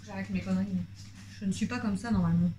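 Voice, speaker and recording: A woman chatting on in a casual home vlog, rambling, talkative and excitable. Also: mid-range voice, fast talker, very noisy. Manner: rambling and talkative, jumps between topics; excitable, voice jumps up when worked up. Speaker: family vlogger.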